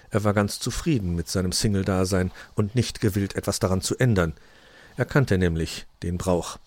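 Low-voiced man reading a story. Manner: calm storytelling, many voices. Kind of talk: audiobook narration.

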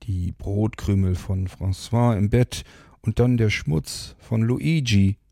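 A man voicing a gentle male sandman who speaks in a calm, low, reassuring way. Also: slow, creaky, no room sound, clean studio sound, heavily acted. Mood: thoughtful.

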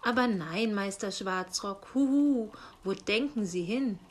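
A woman's voice: medium pitch, animated, measured pace. A woman voicing a polite old male owl who hoots between his words in a storybook. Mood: soothing.

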